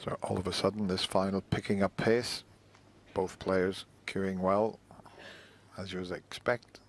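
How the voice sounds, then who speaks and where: A man giving hushed, measured live commentary on a snooker match. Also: low-pitched, level tone. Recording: arena crowd and ambient noise. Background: snooker arena audience.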